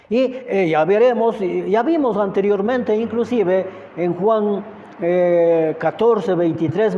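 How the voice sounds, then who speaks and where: A man's voice: high-pitched, mellow. A man preaching a Bible study sermon, reading verses and reflecting on them, often asking "¿no?". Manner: slow, reflective, asks "¿no?" often. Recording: muffled sound with long reverb.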